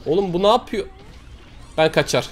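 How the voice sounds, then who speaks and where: A young male gaming YouTuber gives lively commentary on his match. His voice sits high, and he yelps, curses and cheers as the play turns. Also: moderate pace, soft background music. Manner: loud, excitable, yelps and swears during play. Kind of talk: excited gameplay commentary.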